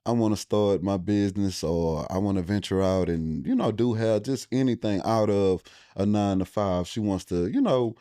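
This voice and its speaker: A man's voice: fairly low pitch, normal speed, hardly any pauses, mellow, no room sound, studio quality. A man hosting a podcast interview, talking casually in loose, rambling, slangy sentences. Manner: rambling, loose slangy talk full of "you know". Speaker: podcast host.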